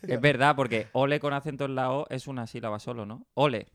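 A man with a Spain Spanish accent co-hosts a comedy podcast in quick bursts. His talk is fast and ranting, with a dry, close sound. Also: mid-range voice, steady tone, fairly bright tone, dry recording. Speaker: podcast co-host.

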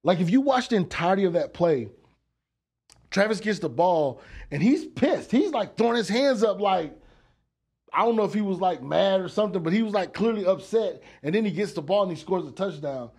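Husky high-voiced man joking about sports. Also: expressive, brisk, a little mellow. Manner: joking, laughs often, slangy. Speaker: sports podcast co-host. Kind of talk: casual sports banter.

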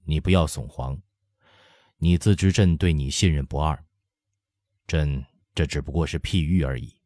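A man's voice: low-pitched, expressive, a little slow, mellow, no room sound, clean studio sound. A man doing a stern, cold emperor. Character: stern, cold middle-aged male emperor.

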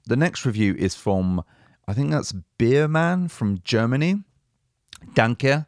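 An upbeat, chatty man hosts a language-learning podcast, laughing often in casual conversation. His medium-pitched voice swings widely in pitch at a slow pace, captured with studio quality and no room sound.

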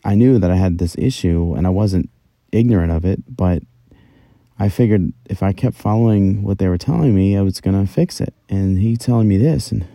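A man's voice: low-pitched, normal speed, creaky, warm tone, no room sound. A middle-aged man hosting a solo podcast from inside a closet, telling his own story in a casual, conversational, self-deprecating way. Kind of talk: casual first-person podcast monologue. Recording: very dry, close closet recording.

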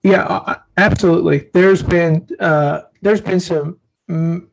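A man's voice: sits high, fairly even intonation, slow pace, gravelly, a little hiss or hum, low-quality recording. A man co-hosting a faith-based parenting talk, speaking earnestly and telling stories from his own life as a father. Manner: earnest, storytelling, acts out quotes. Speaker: podcast co-host.

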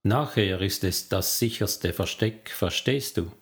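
A tense young woman, read by a male narrator laying out a hiding plan. She speaks excitedly and persuasively, with a low and unhurried voice in a story reading.

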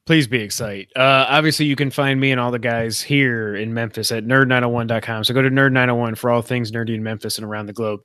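A man's voice: mid-range voice, fairly even intonation, quick pace, few pauses, bright, forceful tone, clean tone, no echo, studio quality. A man hosting a gaming podcast, plugging links in an upbeat way while losing his voice. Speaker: podcast host. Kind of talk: casual podcast sign-off.

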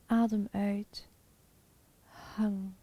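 A woman guiding a chakra meditation in a soft, calm, half-whispered spa-like voice with long pauses. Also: medium pitch, no room sound. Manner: slow, calm, soothing, with pauses. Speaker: meditation guide.

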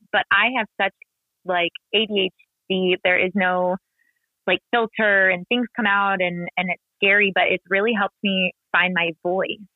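A man's voice: high-pitched, dry recording. A man who co-hosts a podcast, talking nervously on a panel and saying like constantly. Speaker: podcast co-host. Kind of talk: casual panel chat. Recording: tinny phone-like line.

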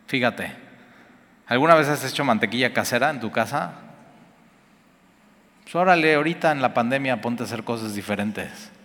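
A man's voice: mid-range voice, lively intonation, normal speed, pauses often, a bit bright, in a large hall. A man preaching a sermon in a conversational way, asking his listeners questions. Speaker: pastor.

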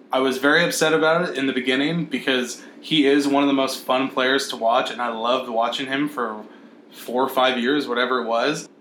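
A man's voice: medium pitch, fairly bright tone, roomy sound, a little hiss or hum. A man co-hosting a podcast in casual sports chat, blunt, opinionated and profane. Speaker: podcast co-host.

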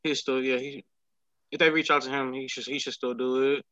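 A man's voice: mid-range voice, flat delivery, brisk, sharp tone, no echo. A man co-hosting a podcast in casual chat, joking, laughing a lot and repeating himself. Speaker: podcast co-host. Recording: dry, muffled.

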